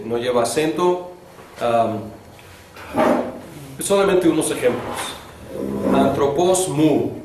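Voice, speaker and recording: A man teaching a beginners' Greek lesson in class, talking slowly and thinking aloud with many fillers. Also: medium pitch, a little hiss or hum. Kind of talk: classroom lecture. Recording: echoey classroom from a distant mic.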